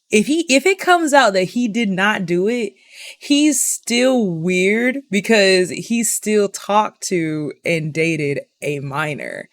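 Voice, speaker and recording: Young woman, slow deliberate delivery, dry close sound, exasperated commentary rant, rhetorical questions. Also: on the high side, dry recording. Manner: indignant, exasperated, repeats herself with rhetorical questions; heavy use of "like" as filler. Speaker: commentary vlogger.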